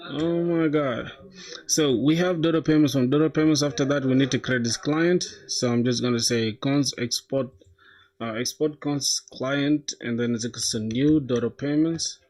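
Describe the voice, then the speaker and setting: Slangy young man live-coding. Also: mid-range voice. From South Sudan. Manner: slangy, thinking aloud, bursts of excitement. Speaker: coding livestreamer. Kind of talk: casual live coding commentary.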